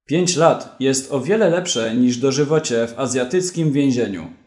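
A mocking, self-satisfied crook, once a polished bank manager, read by a man. The lines come slowly and deliberately. They sit in a roomy, echoing space. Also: medium pitch, expressive, a little mellow, lightly acted. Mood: smug. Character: smug male ex-bank manager turned crook. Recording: roomy echo.

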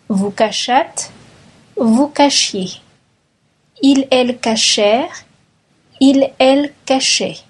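Slow, husky woman reading a drill. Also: sits high. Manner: measured, reads each word apart. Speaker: language teacher. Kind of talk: slow vocabulary and conjugation drill.

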